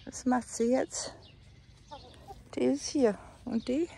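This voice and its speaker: A woman's voice: high-pitched, takes it slowly, creaky, warm tone, a little hiss or hum. A German woman vlogging casually from her rural home, chatting with many fillers and sometimes dropping to a whisper. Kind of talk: casual vlog monologue. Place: rural house and yard in the country.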